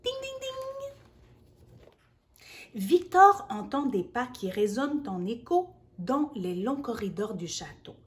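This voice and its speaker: A woman reading a picture book aloud to a child, gentle and playful, dropping into soft whispered asides. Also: mid-range voice, sing-song, measured pace, hardly any pauses. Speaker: children's storyteller.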